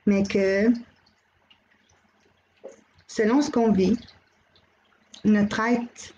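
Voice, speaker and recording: A middle-aged woman with a Québécois accent, hosting a live channeling stream, gently relaying messages and greeting viewers by name. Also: medium pitch, fairly even intonation, very slow, lo-fi sound, slight background noise. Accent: Québécois French. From Quebec.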